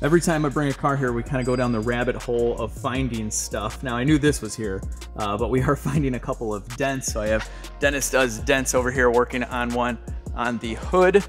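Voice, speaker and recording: A man's voice: mid-range voice, sharp tone. A man in his thirties, an enthusiastic car vlogger, narrating and chatting in a large detailing shop. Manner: upbeat, enthusiastic. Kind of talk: vlog narration and shop chat.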